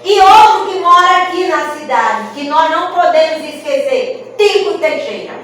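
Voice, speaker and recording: Lady poet teaching verse, high voice, far off in a big echoey room. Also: lively intonation, normal speed, fairly bright tone, slight background noise. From Rio Grande do Norte, Brazil. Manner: explanatory, checks in with "não é?". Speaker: cordel poet and speaker. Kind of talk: lecture at a literary festival. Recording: echoey room, mic far off, music behind.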